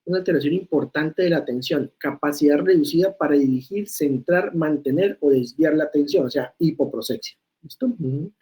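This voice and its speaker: Over a rough recording, a man with a fairly high, mellow voice speaks a little fast in a medical classroom lecture. Addressing students conversationally, he reads criteria aloud, explains them and checks in often with tag questions.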